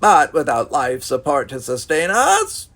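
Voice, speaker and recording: A man's voice: on the high side, wildly swooping pitch, measured pace, a bit bright, voice pushed up, full character voice. A man voicing a worried male crewman who sounds anxious.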